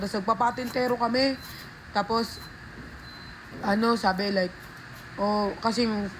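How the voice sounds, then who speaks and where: A woman's voice: medium pitch, noisy background. A woman telling a rambling story on a casual livestream, talking into a phone and calling her viewers guys and be.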